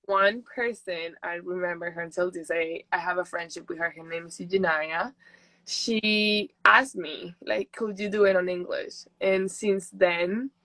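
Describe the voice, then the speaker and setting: A woman's voice: lowish voice, steady tone, unhurried, sharp tone, no echo, rough recording. A young woman from Peru, a native Spanish speaker, chatting casually and laughing often as an interview guest. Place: houseboat.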